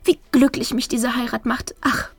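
A woman voicing a gushing, tearful middle-aged mother with a sharp tongue, speaking high and sobbing. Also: steady tone, normal speed, breathy edge, no echo.

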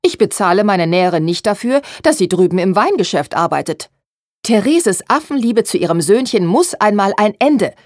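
A strict shop owner in a storybook, voiced by a woman reader. She speaks firmly and a little louder, laying down the law. The recording is dry and close. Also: mid-range voice, big pitch swings, normal speed, no room sound, close to an everyday voice. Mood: scolding. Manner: firm, loud and scolding. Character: stern, quick-tempered woman, head of a sewing shop. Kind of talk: audiobook reading.

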